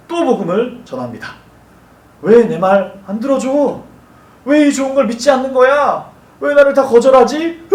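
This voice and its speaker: A man gives a lively children's sermon, asking questions and tossing in playful asides. His voice sits high and swings widely in pitch. He sounds distant from the mic, in a roomy, echoing church space. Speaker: children's ministry preacher. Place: church worship room. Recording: roomy echo from far off the mic.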